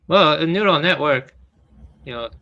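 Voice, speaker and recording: Male voice, bright and sharp, explanatory, slightly dull lo-fi audio. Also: on the high side, lively intonation, normal speed, no echo. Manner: explanatory, hedging with fillers. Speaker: podcast participant. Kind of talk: casual technical chat.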